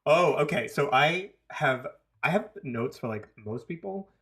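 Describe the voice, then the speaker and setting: A man's voice: a little high, animated, a little slow, a bit bright. A man from New Zealand with a New Zealand accent, co-hosting a casual podcast and jumping between topics with swearing. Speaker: podcast co-host. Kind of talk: casual chat.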